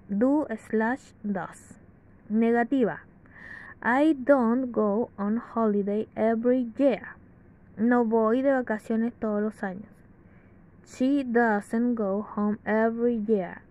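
A woman reading an English grammar lesson aloud from a textbook, slowly and carefully with pauses. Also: on the high side, a little mellow. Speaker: English teacher. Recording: dull lo-fi sound.

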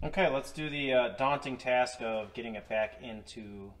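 In his indoor garage workshop, a man speaking at normal speed in a medium-pitched voice casually narrates a repair step by step. He is a DIY repair vlogger, he uses many fillers, and the camera mic does the recording.

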